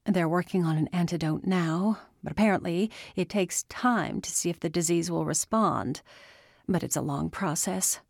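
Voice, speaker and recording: A woman voicing a distraught mother talking loudly on the phone in a hospital line, her voice breaking into tears. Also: lowish voice, normal speed, creaky, no echo, clean studio sound. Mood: worried.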